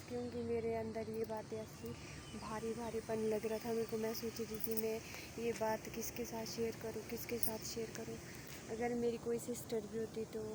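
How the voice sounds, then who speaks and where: A young woman with a Himachali accent, chatting softly and quietly in a casual vlog, recorded outdoors on a phone with no mic. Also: a little high, background noise. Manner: soft-spoken, quiet voice. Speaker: vlogger. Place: outdoors at home, village. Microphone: phone camera, no mic.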